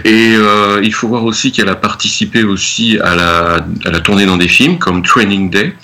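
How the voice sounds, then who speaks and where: A man presenting an artist on a relaxed radio show, easygoing and self-mocking, tripping over names. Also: fairly low pitch, normal speed. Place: radio studio.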